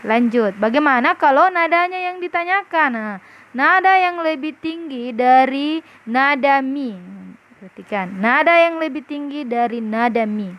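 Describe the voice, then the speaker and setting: A woman's voice: sits high, lively intonation, measured pace, dull audio. Patient woman teacher reviewing a lesson. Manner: patient, explaining step by step, often asks "paham?". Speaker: primary school teacher. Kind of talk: recorded lesson review for pupils. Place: classroom with a whiteboard.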